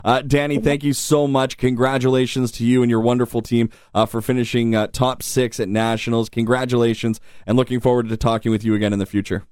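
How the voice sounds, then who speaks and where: A man's voice: medium pitch, level tone, brisk, hardly any pauses, darkish tone, clear, resonant tone, no room sound, clean studio sound. A man hosting a radio interview, asking long, wordy questions with some fillers. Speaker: interviewer host.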